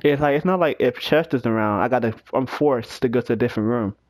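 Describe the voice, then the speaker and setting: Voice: mid-range voice, quick pace, darkish tone. A scared horror game streamer giving casual, nervous, giggly commentary with swearing while playing. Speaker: video game player.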